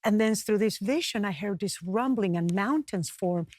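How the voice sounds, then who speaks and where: A woman from Peru, a guest author and mountaineer, speaking earnestly in a talk show interview and pausing to find her words. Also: mid-range voice, darkish tone, no echo.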